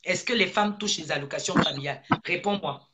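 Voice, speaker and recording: Une femme originaire du Gabon qui prononce un discours politique passionné, martèle ses phrases et enchaîne les questions rhétoriques. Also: female voice, lowish voice, brisk, very noisy. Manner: emphatic, repeats phrases, rhetorical questions. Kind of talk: impassioned political speech.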